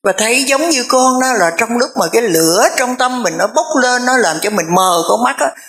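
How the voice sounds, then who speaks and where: Nun telling a story. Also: female voice, a little high, expressive, a bit bright. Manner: conversational, repetitive fillers, drawn-out phrases. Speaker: Buddhist nun. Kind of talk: dharma talk storytelling.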